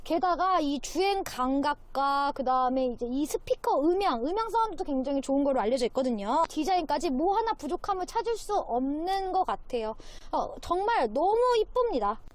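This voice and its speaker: Very high-pitched woman pitching a car. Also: expressive, normal speed, few pauses. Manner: polished, gushing sales pitch. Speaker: used car dealer presenting a car. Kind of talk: promotional car walkaround presentation.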